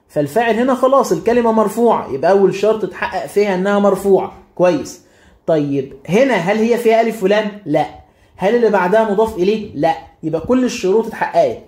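A quick-paced man with an Egyptian accent teaches a grammar lesson. His voice sits high, and he keeps asking and answering his own questions. The room around him is echoey. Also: a little mellow. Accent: Egyptian Arabic. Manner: quizzes himself and repeats rules. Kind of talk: classroom explanation.

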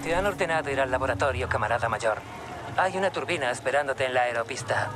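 An actor playing a stern, dry figure relaying orders in a video game dub. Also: male voice, medium pitch, lively intonation, quick pace, natural voice.

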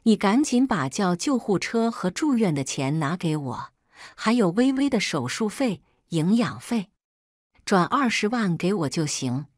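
A woman reading the lines of a shrill, abusive older mother-in-law in a storybook tale, ranting and scolding. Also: very animated, a little slow, no echo, clean studio sound.

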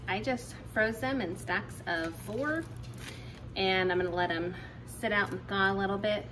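A woman's voice: mid-range voice, background noise. Chatty woman baking in her home kitchen. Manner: chatty, rambling, with fillers and little laughs. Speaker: home cooking vlogger. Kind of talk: casual chatty baking tutorial.

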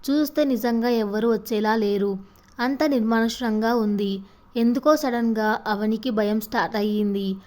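A young woman narrating a story in a steady, plain reading style. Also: on the high side, moderate pace.

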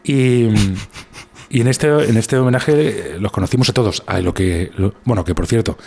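A man's voice: mid-range voice, expressive, moderate pace, vocal fry, dark tone, a little hiss or hum. A man with a Spanish accent, a guest comedian telling rambling anecdotes in casual conversation, with many restarts.

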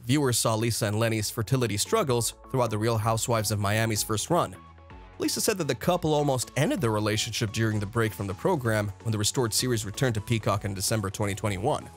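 A man reading a scripted celebrity gossip narration in a steady, even read-aloud delivery. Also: fairly low pitch, quick pace. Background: faint background music.

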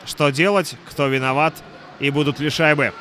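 A man's voice: on the high side, steady tone, moderate pace, noisy background. A man giving play-by-play commentary on an ice hockey game.

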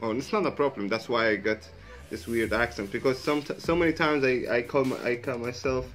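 Speaking a little fast at medium pitch, with a bit of brightness, this Arabic-accented man in his thirties rambles loosely and swears casually for a reaction video. He's a native Arabic speaker using a wired earphone mic in a small indoor room backed by a hung sheet, with soft music playing.

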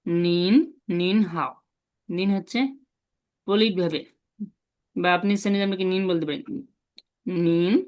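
A man teaching a Chinese class online. He repeats syllables slowly and asks his students questions as he goes. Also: sits high, steady tone. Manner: drills syllables slowly, repeating them often.

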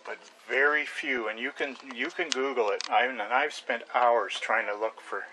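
An older man rambling casually, with many pauses and restarts, into a webcam at close range in a small room at home. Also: medium pitch, background noise. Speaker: hobby carver and channel host. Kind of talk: casual home video show-and-tell. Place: small room at home with shelves of model trucks. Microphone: webcam close to the face.

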